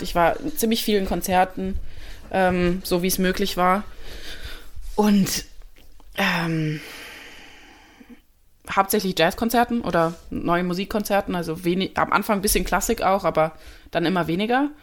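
Speaking at a medium pitch, a young woman from Germany who makes music responds to an interviewer in a relaxed, reflective way. She frequently pauses, reaches for fillers, and starts over.

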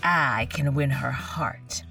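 A woman's voice: rumbling low, slow, gravelly, pushed and bright, recorded from a distance, faint music behind, pitched below the performer's own voice, exaggerated voice. A woman storyteller voicing a confident, dashing young male rancher in a folktale, with a self-assured manner. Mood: cocky.

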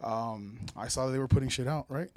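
A man's voice: mid-range voice, a little fast, dry recording. A young man telling stories casually in slangy, profanity-heavy street talk. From Anaheim, California. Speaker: rap crew member being interviewed. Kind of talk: casual storytelling.

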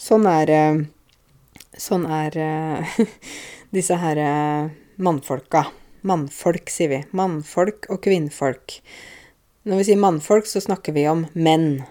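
A young woman in a chatty, clear spoken lesson, telling a story and explaining words to language learners. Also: sits low, mellow. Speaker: Norwegian language teacher on YouTube.

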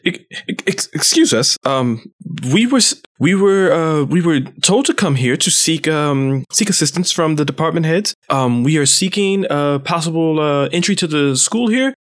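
Hesitant higher-pitched male tabletop player. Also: lively intonation. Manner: hesitant, halting, apologetic. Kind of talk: casual improvised role-play.

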